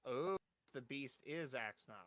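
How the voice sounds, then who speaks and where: A man with a very bright, forward voice chats as a player at a tabletop game. His delivery is casual and the recording is dry. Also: mid-range voice, unhurried, dry recording.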